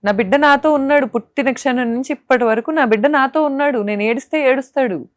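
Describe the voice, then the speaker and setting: A young woman from Andhra Pradesh, India, gives emotional interview testimony, full of impassioned indignation and pointed rhetorical questions. Her high-pitched voice comes quickly, in clean studio sound with no echo.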